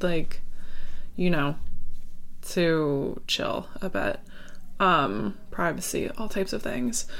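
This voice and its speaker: A young adult woman chatting casually as a solo podcast host, rambling and hesitant, with girly informal speech and lots of "like" filler. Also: lowish voice.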